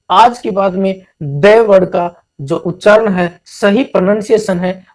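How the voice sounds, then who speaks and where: A man from India teaching a grammar lesson, repeating each point slowly and mixing English terms into his Hindi. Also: high voice.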